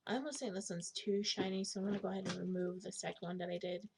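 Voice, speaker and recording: A young woman with a raspy smoker's voice giving a casual screen tutorial, thinking aloud in informal, slangy speech and often clearing her throat. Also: medium pitch, fairly even intonation, fast talker, noisy background. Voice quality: husky smoker's rasp with gravelly creak. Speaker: digital art tutorial host.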